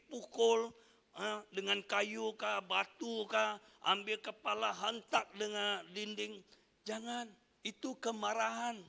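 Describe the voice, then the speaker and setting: Older pastor guy, gravelly voice, slow preaching, big hall echo. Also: high voice, fairly bright tone. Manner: emphatic preaching with frequent hallelujahs. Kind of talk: sermon. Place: church hall. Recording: long church hall reverb.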